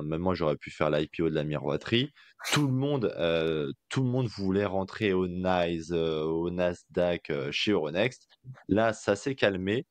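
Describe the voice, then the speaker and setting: Low-voiced guy rambling about stocks on a podcast, lots of "euh", dead dry sound. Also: no echo. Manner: loose and colloquial, many fillers, jokey asides. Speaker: podcast co-host. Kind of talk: casual investing podcast chat.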